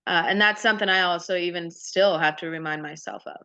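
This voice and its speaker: A woman from Texas talks over a video call in a bright, forceful voice with a lowish pitch. The audio is dull and dry, and she talks with plenty of enthusiasm and "uh" fillers. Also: fast talker, no room sound. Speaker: deafblind intervener specialist. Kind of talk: online group discussion.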